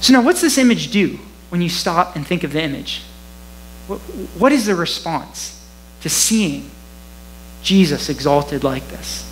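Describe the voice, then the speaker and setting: A man preaching a sermon as pastor in a church, conversational and animated, often laughing at himself. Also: a little high, measured pace, a little hiss or hum, poor audio.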